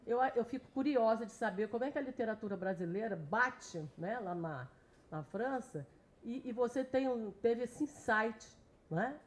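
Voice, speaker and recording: A woman's voice: on the high side, lively intonation, moderate pace. A woman in the audience asking a curious, rambling question, rephrasing it several times. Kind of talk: panel Q&A.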